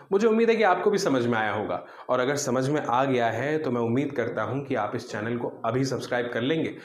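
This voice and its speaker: A male teacher explains words to his students in a chatty, animated way, checking in with them often as he goes. His voice sits at a middle pitch. The recording has a noticeable room echo. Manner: conversational, checks in often with "है ना" and "ठीक है". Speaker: Hindi teacher. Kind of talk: explaining vocabulary in a class lesson. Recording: echoey room.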